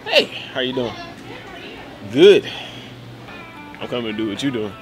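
A young man vlogging on a road trip, talking softly and haltingly with many fillers into a handheld camera at arm's length. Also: medium pitch, very animated, soft background music, a faint crowd. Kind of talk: casual travel vlog.

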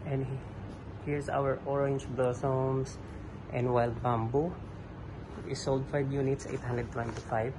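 Guy reading out sales numbers slowly while walking a big shop, store noise behind. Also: mid-range voice, little pitch movement. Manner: slow, listing items and figures with pauses. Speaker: store staff giving a sales report. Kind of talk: walkthrough sales report. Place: large home goods store, indoors. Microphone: handheld phone camera.

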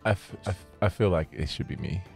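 A man's voice: low voice, quick pace, creaky, a little mellow. A man playing a tabletop game, bantering casually and jokingly in character and often repeating his words. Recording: music playing over the voice.

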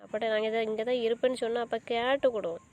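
A woman's voice: a little high, fairly even intonation, rapid-fire, darkish tone, muffled recording, lightly acted. A woman playing a hurt young wife in an amateur drama, scolding and insisting. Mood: angry. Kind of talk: amateur web drama acting.

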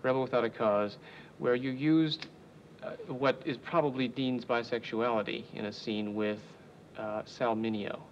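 A man's voice: mid-range voice, steady tone, moderate pace. A man hosting a TV interview, asking probing questions and sometimes fumbling his words. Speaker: interviewer, TV host. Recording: dull 1970s TV broadcast audio, faint hiss.

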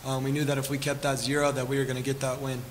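A young American man talks as a goalkeeper in a post-game interview. He speaks quickly and rather flatly at a medium pitch, with a long hall reverb around him. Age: 20s. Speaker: college soccer goalkeeper. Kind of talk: post-game interview answers at a press table. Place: press conference table with backdrop. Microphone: table stand microphone. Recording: reverberant hall, faint room noise.

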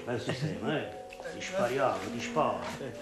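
An actor playing a stern, irritable doctor, speaking curtly and scolding in a 1960s televised stage comedy. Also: male voice, medium pitch, expressive, moderate pace, over loud music, close to an everyday voice. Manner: scolding, curt, exasperated. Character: stern irritable doctor treating a gunshot wound. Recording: old TV stage recording, audience noise.

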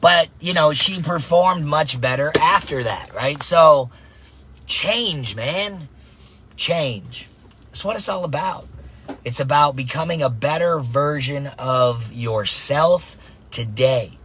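A man coaching softball who talks in an energetic motivational monologue, tagging his points with "right?" and "man", recorded in a car. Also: fairly high pitch, takes it slowly, a little hiss or hum.

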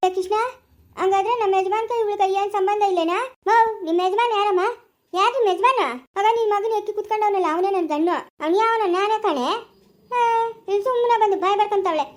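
A woman with a rural Karnataka Kannada accent playing a sharp-tongued village wife who berates and wails curses in an amateur family skit. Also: extremely high pitch, a little fast. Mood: scolding. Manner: loud berating, wailing curses.

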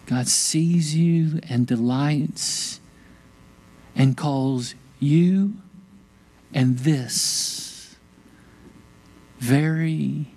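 A man preaching a sermon at an unhurried, measured pace, his voice mellow and a little higher than most men's. He lingers on key words and lets some fall to a near whisper. It sounds like a pastor addressing a congregation during a Sunday service. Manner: slow, deliberate delivery, softening to a hushed whisper on key words. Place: church sanctuary during a worship service.

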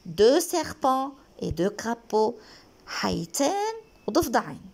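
Lively woman teacher. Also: fairly high pitch, creaky. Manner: slow, repeated dictation of French lines followed by quick Arabic glosses. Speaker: language teacher. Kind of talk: bilingual lesson explaining a text.

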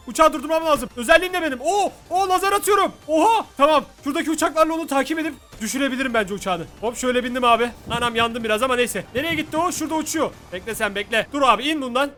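A man giving excited let's-play commentary on a game, often yelping and shouting. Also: very high voice. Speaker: gaming YouTuber.

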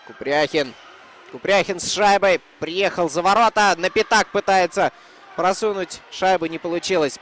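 A man's voice: high-pitched, normal speed, fairly bright tone. A man giving live commentary on an ice hockey match as it unfolds.

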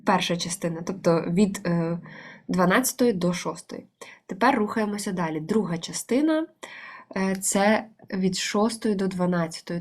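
A woman teaching an online language lesson, explaining step by step with many fillers. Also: medium pitch.

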